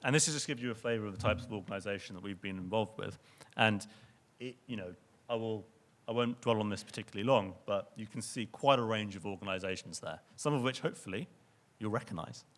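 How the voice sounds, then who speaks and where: A man's voice: on the low side, quick pace, fairly bright tone. A young man giving a conference presentation to an audience in a lecture venue, speaking earnestly and often restarting or repeating words.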